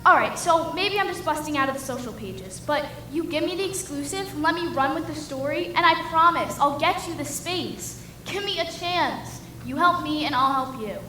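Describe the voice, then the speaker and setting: A young woman on a school stage playing an ambitious young reporter who talks briskly and persuasively. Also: sits high, sharp tone. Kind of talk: school stage musical acting. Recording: echoey hall, faint noise.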